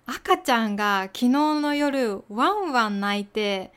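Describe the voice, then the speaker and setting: Slow, patient woman teaching Japanese. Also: fairly high pitch, animated, a bit bright, smooth. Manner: slow, patient explaining with example sentences. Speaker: podcast host teaching Japanese. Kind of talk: Japanese lesson podcast.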